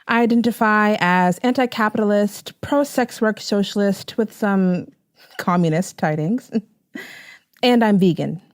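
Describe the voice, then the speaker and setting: A woman in her twenties from San Diego, an activist telling her story in an earnest, measured way. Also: mid-range voice, no echo, clean studio sound. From San Diego, USA. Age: 20s. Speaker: youth activist. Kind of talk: personal testimony interview.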